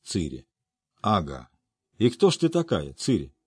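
A man voicing a gruff, boisterous older male dwarf who talks in a rough, folksy, teasing way. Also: deep voice, wildly swooping pitch, unhurried, a little mellow, no room sound, studio quality, heavily acted. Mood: gruff jovial.

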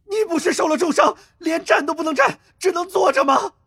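A man doing a shrill, furious young schemer. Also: a little fast, pushed and bright, full character voice. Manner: shrill roaring.

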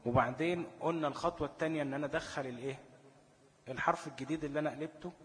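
A man with an Egyptian accent teaching Quran recitation rules, quizzing the listener and answering himself, chanting verse examples slowly. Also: fairly high pitch, long reverb tail, a little hiss or hum. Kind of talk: tajweed lesson in colloquial Egyptian Arabic.

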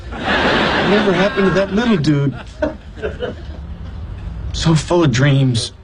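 A man's voice: fairly high pitch, expressive, slow. An actor playing a laid-back man in a sitcom scene, talking in a drawling, dreamy way. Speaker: sitcom character. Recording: sitcom clip with background noise.

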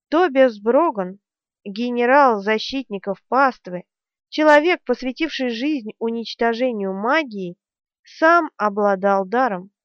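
A woman's voice: a little high, no echo. Woman narrating a tense fantasy audiobook. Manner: tense, vivid storytelling. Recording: dry, dull lo-fi recording.

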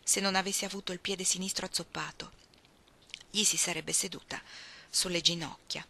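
Bright-voiced Italian-reading woman narrator. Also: lowish voice, normal speed, vocal fry. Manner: expressive, shifting between soft hushed phrases and emphatic ones. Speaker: reader. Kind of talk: literary audiobook reading.

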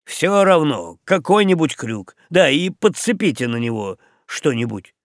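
A man voicing a stern, gloomy ship captain who speaks low, quietly and curtly. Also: sing-song, a little slow, no echo, clean studio sound. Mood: grave.

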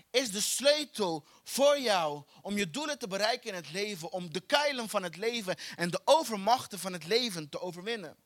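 A young man preaching a sermon in a church, building up to loud, chanted refrains. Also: high-pitched, dry recording. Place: church hall.

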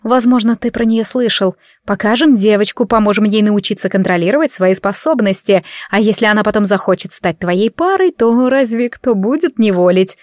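A woman's voice: medium pitch, moderate pace, hardly any pauses, darkish tone, dry recording, clean studio sound, close to an everyday voice. A woman reader voicing a scheming adult head witch who talks in a venomous, honeyed way.

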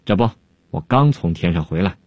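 A man's voice: deep voice, lively intonation, moderate pace, darkish tone, no echo. A man voicing a sly, unflappable male Han court jester-scholar who talks in a teasing, self-assured drawl.

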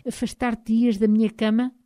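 A woman with a European Portuguese accent voicing an angry, proud young Highland husband, speaking emphatically with a raised voice. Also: level tone, normal speed, dark tone, lightly acted. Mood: heated.

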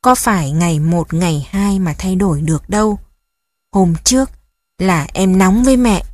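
A woman's voice: on the low side, normal speed, a little mellow, dry recording, studio quality, natural voice. A woman voicing a stern, irritable husband. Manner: stern, lecturing.

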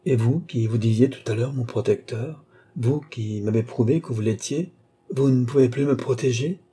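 A man's voice: mid-range voice, normal speed, mellow, slightly rough, lightly acted. A man voicing a young maid in an audiobook, pleading and protesting, coaxing at times. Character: young maid, flustered, coy, cunning. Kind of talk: audiobook reading.

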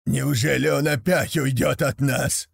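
A man voicing a fierce, angry male wolf in a storybook reading, with a gravelly, raspy voice. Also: mid-range voice, fairly even intonation, measured pace, no room sound, heavily acted. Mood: menacing.

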